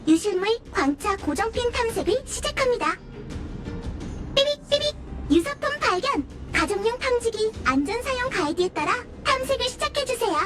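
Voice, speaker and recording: A woman's voice: extremely high pitch, expressive, normal speed, music in the background. A woman voicing a chirpy little household finder robot in a video game, with a robot voice that beeps and announces each step politely. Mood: announcing. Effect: robot voice, beeping before lines.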